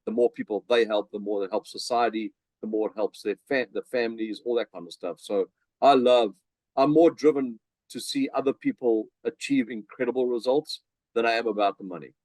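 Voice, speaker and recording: Speaking briskly at medium pitch with a darkish tone, this South African business coach is a middle-aged podcast guest. His casual interview talk is energetic, with many fillers and restarts, and the recording is rough but echo-free.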